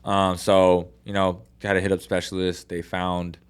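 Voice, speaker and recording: A man's voice: sits low, completely flat delivery, unhurried, clean tone. A young man, a boxer, talking casually in a podcast interview, swearing often and acting out quotes. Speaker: boxer guest.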